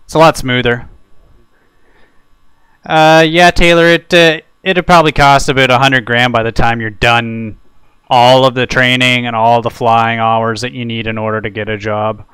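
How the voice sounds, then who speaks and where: A man's voice: medium pitch, level tone, moderate pace, fairly bright tone, clear, resonant tone, dry recording. A man streaming a flight simulator, chatting casually and making pilot radio calls. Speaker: streamer flying an airliner simulator.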